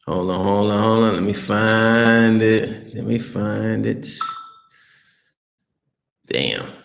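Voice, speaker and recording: This American vlogger's voice is on the low side, slow and creaky as he reads live chat. He responds to viewers bluntly and casually, with lots of profanity and many restarts, in an echoey room.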